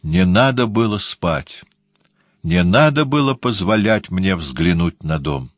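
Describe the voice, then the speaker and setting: A man voicing a gentle, resigned young woman in an audiobook, speaking softly and quietly. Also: low-pitched, expressive, takes it slowly, no echo, studio quality, exaggerated voice. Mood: sorrowful. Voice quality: soft, quiet. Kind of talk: audiobook character reading.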